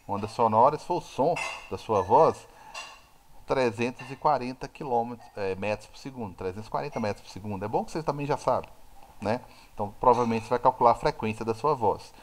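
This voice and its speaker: A man with a Brazilian Portuguese accent teaching physics in a live online class, explaining eagerly and answering his own questions, his volume swinging from soft to loud. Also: mid-range voice. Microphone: video call.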